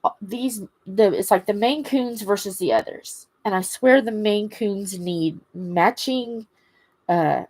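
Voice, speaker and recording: A woman chatting casually and haltingly on a livestream, her words slightly impeded by a swollen lip. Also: fairly low pitch, darkish tone, no echo, rough recording. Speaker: craft livestream host. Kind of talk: casual rambling livestream chat.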